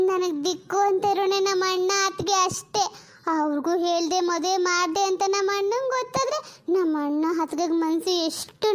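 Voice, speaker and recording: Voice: very high-pitched, a bit bright. A performer voicing a grieving elderly mother-in-law who laments and sobs in a family drama. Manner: wailing and lamenting, sobbing pleas.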